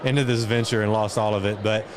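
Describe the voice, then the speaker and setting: A middle-aged entrepreneur and foundation chairman speaks fast as an interview guest, reflective and conversational, in a fairly low voice with fairly even intonation. The setting is a noisy outdoor event with street and vehicle ambience.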